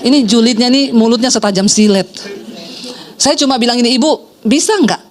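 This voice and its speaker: A middle-aged woman pastor preaching a sermon, telling a story with lively shifts into the voices of the people she quotes. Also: on the high side, brisk, crowd noise.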